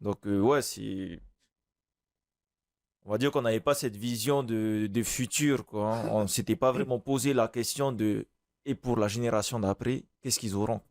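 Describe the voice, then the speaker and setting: A man's voice: on the low side, normal speed, a little mellow, dry recording. A male craftsman guest in a studio interview, speaking hesitantly with many fillers.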